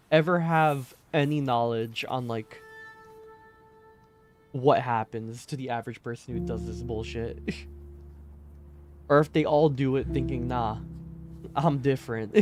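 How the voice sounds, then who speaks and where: A man's voice: medium pitch, a little slow, long pauses, darkish tone. Chatty man streaming a game. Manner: chatty, rambling with lots of fillers. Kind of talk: casual gameplay commentary. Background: game music.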